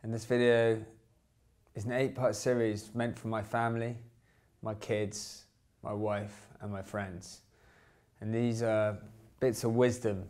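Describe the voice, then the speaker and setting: A man's voice: on the low side, a little mellow. A man telling a rambling, hesitant confessional story in a scripted comedy monologue.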